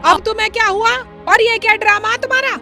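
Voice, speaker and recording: A woman's voice: extremely high pitch, fairly even intonation, quick pace, vocal fry, music in the background. A woman playing an exasperated young wife in a comedy film, scolding and impatient.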